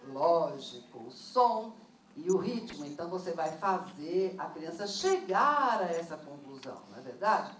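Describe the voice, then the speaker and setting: Lively woman teaching a workshop. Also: low voice, unhurried. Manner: lively, asks the audience questions. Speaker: teacher trainer. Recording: roomy, distant mic, noisy room.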